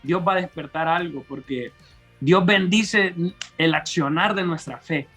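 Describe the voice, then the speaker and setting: A man's voice: on the high side, measured pace, fairly bright tone, faint music behind. A young man, a youth leader giving earnest advice and telling his story as a guest, often repeating words as he restarts. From Honduras. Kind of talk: testimony and advice in an interview.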